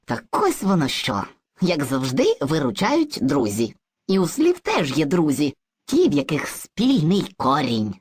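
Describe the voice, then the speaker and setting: A woman voicing a playful, hesitant male sprite of mixed slang speech in an educational cartoon, with a husky voice and a bouncy, exaggerated delivery. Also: deep voice, huge pitch swings, a little slow, a little mellow, exaggerated voice. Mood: cheerful.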